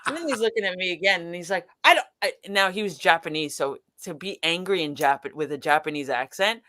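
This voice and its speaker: A woman in a casual chat as a guest, telling a lab story with lively acted-out quotes and many restarts. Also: lowish voice, brisk, noisy background.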